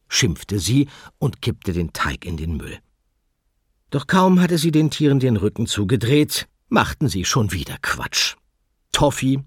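Husky, lively-voiced male storyteller. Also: mid-range voice, dry recording, studio quality. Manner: expressive storytelling. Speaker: narrator. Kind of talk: children's audiobook narration.

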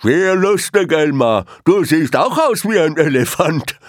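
A man's voice: a little high, lively intonation, a little slow, dry recording, studio quality, pitched above the performer's own voice. A man voicing a teasing hippo in a children's storybook, scoffing at another animal. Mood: mocking. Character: mocking hippo, loud and teasing.

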